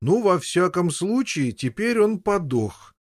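A man's voice: sits high, very animated, slow, no echo, studio quality, pitched above the performer's own voice, full character voice. A man voicing a dull, plodding boy. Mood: flat. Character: dull, slow-witted boy Gaheris.

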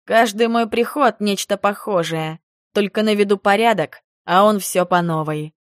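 A stern, sardonic werewolf man, as a woman reader voices him in a storybook. He grumbles slowly and dryly, in a plain middle voice. The recording is close and dry. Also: mid-range voice, no echo, lightly acted. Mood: complaining. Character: stern male werewolf lover, dry and teasing.

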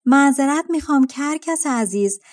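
A woman voicing a clever young girl in a fairy-tale audiobook, soft and pleading as she calms a monster. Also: sits high, voice pushed up.

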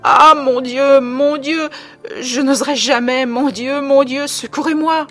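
A woman's voice: high-pitched, animated, moderate pace, faint music behind, voice pushed up. A woman reading aloud, voicing a vain, fearful society mother who pleads breathlessly. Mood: panicked.

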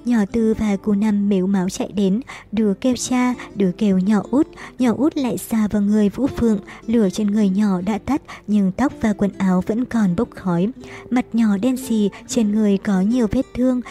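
A woman reads a novel aloud as an audiobook, telling it briskly and dramatically. Her voice is mellow and dark in tone at a mid pitch. Faint music plays quietly behind her. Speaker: narrator.

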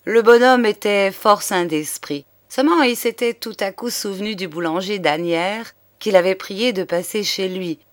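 A woman narrating a classic detective novel as an audiobook reader, in a lively, expressive way. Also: mid-range voice, normal speed, few pauses, no echo.

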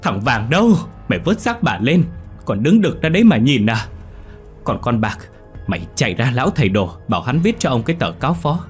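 A man's voice: lowish voice, steady tone, very fast, pauses often, faint music behind, natural voice. A man voicing a rich old village man who wails in grief and barks orders at servants. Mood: wailing grief. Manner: loud wailing, barking orders.

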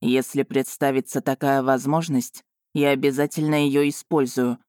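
A woman's voice: rumbling low, fairly even intonation, a little mellow, clear, resonant tone, dry recording, studio quality. Woman voicing Vargan, a proud male dragon. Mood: calm. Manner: cool, measured, faintly mocking.

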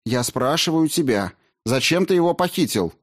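A man's voice: on the high side, expressive, moderate pace, voice pushed up. A man voicing a defiant young woman who speaks coldly and mockingly in an audiobook. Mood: demanding. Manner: cold, biting, mocking. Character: defiant scornful young woman, sharp-tongued.

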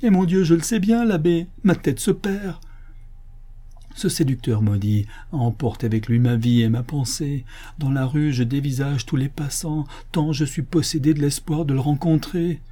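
Brief: anguished glutton of a canon, storybook reading, a man playing him, mellow and a bit husky. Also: mid-range voice, steady tone, normal speed, lightly acted. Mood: desperate. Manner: anguished, theatrical lamenting. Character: gluttonous older male canon, lovesick for lost food. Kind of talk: audiobook reading of a classic novel.

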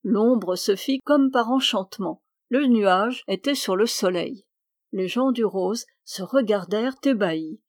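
A woman narrating a historical novel aloud in a measured, expressive reading. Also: mid-range voice, dry recording, studio quality. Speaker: audiobook reader.

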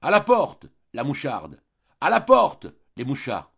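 A man voicing an angry crowd of boarders shouting in an audiobook, loud and high. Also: lively intonation, normal speed, breathy edge. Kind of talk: audiobook character voice. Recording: muffled lo-fi recording.

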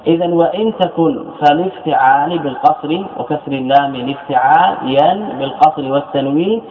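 A man's voice: a little high, brisk, crowd noise. A male scholar giving a classroom lecture, explaining a verse text and repeating each example word several times. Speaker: Islamic scholar teaching grammar. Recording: echoey hall on a tinny lo-fi line with faint noise.

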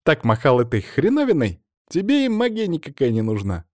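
A man's voice: fairly high pitch, huge pitch swings, a little fast, no echo, clean studio sound, voice pushed up. A man voicing a cheeky teenage girl who giggles and teases in a storybook reading. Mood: playful. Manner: giggly, teasing.

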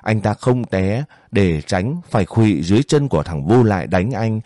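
Low, dark-toned male storyteller. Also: no echo, clean studio sound. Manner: steady, measured storytelling. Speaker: audiobook narrator. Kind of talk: scripted narration of a war novel.

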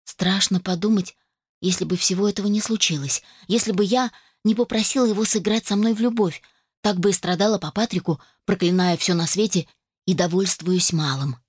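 A woman reading a first-person novel aloud as an audiobook narrator, in an even storytelling way. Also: mid-range voice, fairly quick, slightly rough, no room sound, studio quality.

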